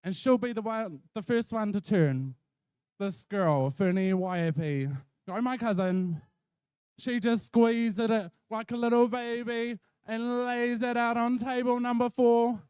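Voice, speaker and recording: A man's voice: very high voice, a little slow, darkish tone, clear, resonant tone, no room sound. A man with a Maori New Zealand accent giving colloquial live competition commentary, full of repeated catchphrases.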